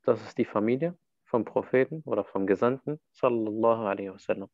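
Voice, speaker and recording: A man's voice: on the low side, fast talker, no echo, highs cut off. A man teaching Arabic in a one-to-one online lesson, patiently walking his student through each answer.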